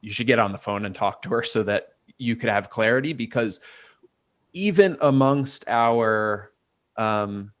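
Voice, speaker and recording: With a fairly low pitch and measured pace, a man from Port Chester, New York, who works as an artist and designer, reflects aloud during a casual interview, examining ideas from many angles. There's no room sound.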